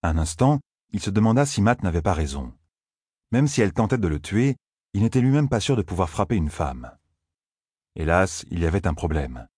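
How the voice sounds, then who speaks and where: A man narrating an audiobook in a steady, measured reading voice. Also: low-pitched, slightly rough, no echo, clean studio sound.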